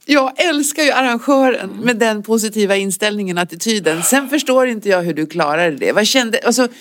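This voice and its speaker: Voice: mid-range voice, lively intonation, a bit bright. A podcast host in casual chat, reacting with short replies and amused interjections.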